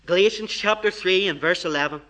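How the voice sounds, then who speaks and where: A male preacher with a strikingly high voice and a bright, forceful edge, possibly. He delivers an impassioned sermon, swinging between loud declarations and hushed asides. His voice has a sharp, ringing quality. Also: fairly quick.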